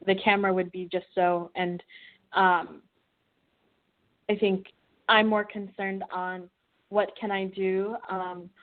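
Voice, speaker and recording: A young adult woman from Wichita, Kansas, in the American Midwest, is interviewed over a tinny, phone-like call about her work as a filmmaker and student. She reflects slowly in a mid-range, level voice, pausing often and using many fillers and restarts.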